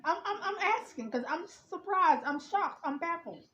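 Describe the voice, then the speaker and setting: High-pitched lady going off, cussing a lot, roomy kinda dull audio. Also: moderate pace, faint music behind. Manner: profane, incredulous, animated. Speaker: vlogger reacting to a radio advice segment. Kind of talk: casual reaction rant. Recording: roomy, slightly dull home recording.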